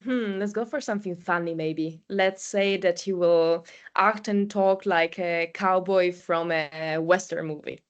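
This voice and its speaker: A woman hosting a podcast, introducing and summing up in a measured way with frequent ums. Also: fairly low pitch, fairly even intonation, lo-fi sound. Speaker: podcast host. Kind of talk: scripted podcast intro and summary.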